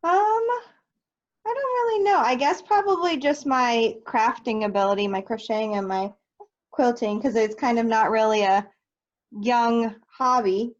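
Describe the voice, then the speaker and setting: A young third grade teacher from Nebraska, in the United States, answers interview questions as a guest, cheerful and easygoing with light laughs. Her voice is on the high side and the sound is lo-fi.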